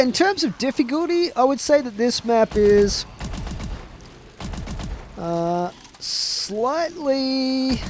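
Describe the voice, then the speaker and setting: A young man, congested from a chest infection, gives loose, rambling commentary while playing a zombie shooter. His voice is high yet darkish in tone, and his chatty delivery trails off with fillers. There's a slight hiss or hum.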